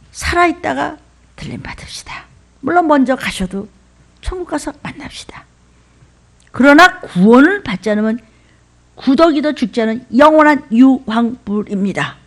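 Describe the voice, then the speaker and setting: A woman pastor delivers a sermon in a Seoul dialect, her pitch sweeping widely. She preaches emphatically in rhythmic lists, breaking into sudden whispers and shouts.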